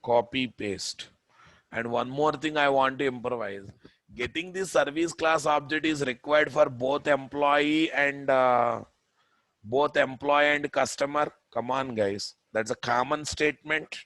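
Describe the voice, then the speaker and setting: Slow-paced man teaching. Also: medium pitch, a bit bright, no room sound. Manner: repetitive, prodding listeners with questions. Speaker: programming instructor. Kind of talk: live coding lecture.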